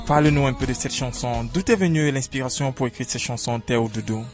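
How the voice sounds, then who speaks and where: A man hosting a radio interview, talking with many halting fillers. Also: mid-range voice, soft background music. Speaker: radio host.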